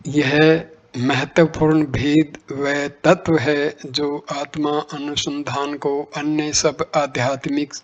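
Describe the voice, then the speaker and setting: A man with a somewhat high voice reads spiritual teachings in a slow, measured way. His pitch barely moves, so the reading sounds even and steady. The recording is dull and lo-fi.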